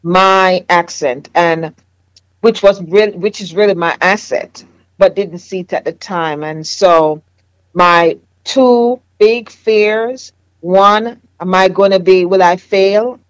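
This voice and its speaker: A Jamaican-accented woman, a therapist and business owner, shares her faith story in an earnest, reflective conversation full of fillers. Her medium-pitched voice is slow, with no echo but a rough recording.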